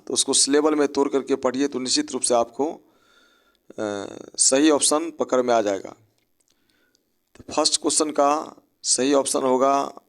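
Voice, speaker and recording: A man gives a patient spelling lesson at a very slow, deliberate pace. He sounds out each word syllable by syllable and spells it letter by letter. His voice sits at an ordinary middle pitch. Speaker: English teacher.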